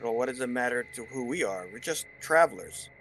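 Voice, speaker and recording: A man's voice: medium pitch, animated, brisk, a bit bright, rough recording. A man role-playing in character as a player in a tabletop game, over faint background noise. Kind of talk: brisk in-character role-play.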